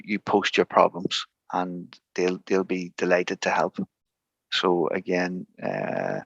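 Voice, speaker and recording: A guest expert in an informal online tutorial, this man sounds encouraging but halting. His low-pitched voice carries vocal fry and a bit of brightness, and the call audio is slightly dull with no echo.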